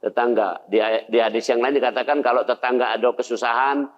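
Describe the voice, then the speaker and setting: In a mosque hall with long reverb and a dull-sounding recording, an elderly man from Indonesia preaches conversationally, asking his listeners questions. His mid-range voice holds a steady tone and moves a little fast.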